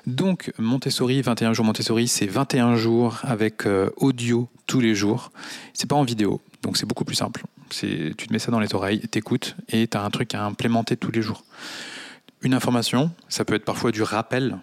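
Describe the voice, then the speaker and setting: A man's voice: medium pitch, steady tone, normal speed. A man hosting a podcast, talking bluntly and mockingly with plenty of swearing, standing in his kitchen at a microphone. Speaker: podcast host. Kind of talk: casual podcast monologue.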